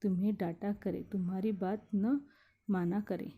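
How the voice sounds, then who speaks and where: A woman's voice: medium pitch, steady tone, a little slow, slightly rough, phone-quality sound. A woman teacher reading the part of a stern female queen of the night who scolds children.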